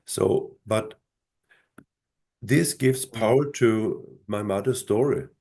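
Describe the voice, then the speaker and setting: Slow, gravelly-voiced man losing his voice. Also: lowish voice, darkish tone. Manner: slow, halting, many restarts. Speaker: son telling his mother's story. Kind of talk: live talk with a host.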